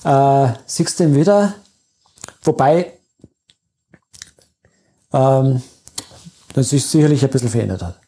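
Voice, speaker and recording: A man, co-hosting a casual chat, rambling quickly. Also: mid-range voice, lively intonation, dark tone. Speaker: podcast co-host.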